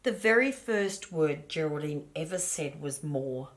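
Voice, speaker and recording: At a measured pace, an older woman reads a picture book in the manner of a grandmother, her voice fairly low. She sounds homely and expressive, stopping for small remarks spoken straight to the children.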